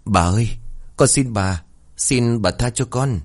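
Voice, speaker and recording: A man's voice: medium pitch, a little slow, pitched above the performer's own voice, close to an everyday voice. A man voicing a terrified young servant girl who begs for mercy. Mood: begging. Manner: pleading, sobbing.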